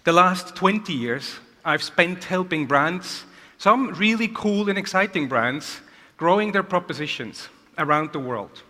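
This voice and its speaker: A man delivers an energetic conference keynote and keeps asking the audience rhetorical questions. His voice sits fairly high and sounds bright and forceful. A long reverb from the large hall trails each phrase. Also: a little slow. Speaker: keynote speaker.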